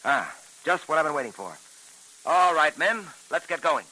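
An actor playing a brisk, authoritative American police detective in old radio drama style, clipped and decisive. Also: male voice, fairly high pitch, very animated, bright, forceful tone, heavily acted. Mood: concentrated, decisive. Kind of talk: 1940s radio drama acting. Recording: hissy, noisy old radio recording.

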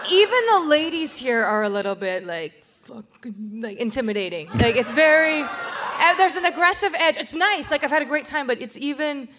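A woman stand-up with a Minnesota accent chats casually at a live show. Her voice is high and swings widely in pitch, with short, agreeable affirmations. A crowd can be heard faintly behind her. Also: lively intonation, normal speed, fairly bright tone. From Minnesota, United States. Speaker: stand-up comedian, guest. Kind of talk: casual live comedy chat. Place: on stage at a live comedy festival show. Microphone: stage microphone. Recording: live stage with crowd noise. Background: live audience.

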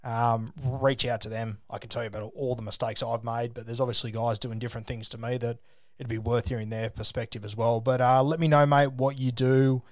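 Casual Australian bloke, matey mentor type, loose and sweary, recorded dry. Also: male voice, medium pitch, no echo. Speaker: social media sports page creator giving advice. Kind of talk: casual phone chat.

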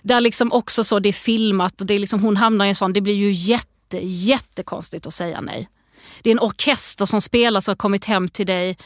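A woman co-hosting a casual podcast chat, talking quickly and acting out quotes as she tells stories. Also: mid-range voice, no echo, studio quality. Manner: quick, animated storytelling with acted quotes. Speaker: podcast co-host.

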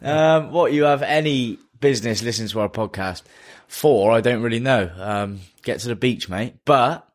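Bloke in jokey podcast chat. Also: male voice, mid-range voice, moderate pace. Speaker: podcast co-host. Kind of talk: casual bantering sports podcast chat.

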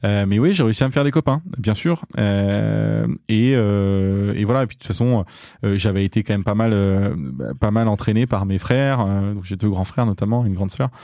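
Hesitant Frenchman, low warm voice. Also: moderate pace, dry recording, studio quality. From France. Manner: hesitant, many fillers and restarts. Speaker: interview guest, company founder. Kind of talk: casual interview talk.

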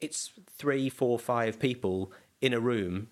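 A man's voice: medium pitch, slow pace. Man, podcast host, casual chat, rambling restarts, mid-range voice. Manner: rambling, thinks aloud with many restarts and fillers.

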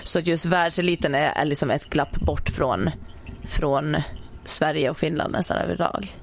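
A young woman, a sprinter, chatting casually and telling stories in an animated way, acting out her own reactions. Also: deep voice, creaky. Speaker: podcast guest, sprinter. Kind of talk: casual chat.

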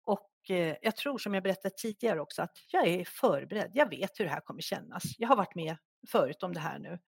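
Creaky-voiced middle-aged woman, softly reflective. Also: fairly low pitch, animated, dry recording, studio quality. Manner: soft, reflective, halting with pauses and fillers. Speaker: interview guest, children's book author. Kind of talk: emotional personal storytelling in a podcast interview.

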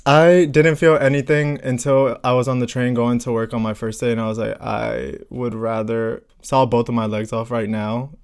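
A man's voice: medium pitch, little pitch movement, moderate pace, creaky, few pauses, clear, resonant tone. A young man with a mid-range voice co-hosts a casual podcast. He talks candidly in slangy, joking conversation with a friend. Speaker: podcast co-host. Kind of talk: casual chat.

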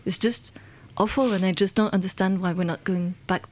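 A woman's voice: mid-range voice, steady tone, fairly quick, darkish tone. A London-born woman, a guest in a conversational interview, talking in a hesitant way with many fillers and restarts.

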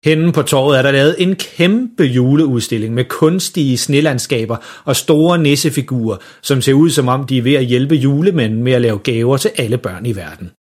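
A middle-aged man narrating a children's Christmas story with an expressive delivery. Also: mid-range voice, hardly any pauses, breathy edge.

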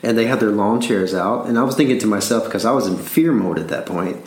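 A man's voice: fairly low pitch, fast talker, reverberant. A man from Alabama with a Southern accent, rambling through a casual story with frequent laughs and repeated words.

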